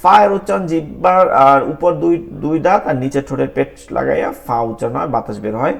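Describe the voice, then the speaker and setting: A man's voice: on the high side, fast, vocal fry. A man teaching a Quran pronunciation class online, patiently drilling letter sounds syllable by syllable and explaining how the tongue and teeth make each one. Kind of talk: online tajweed class, call-and-response drills. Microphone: online class call.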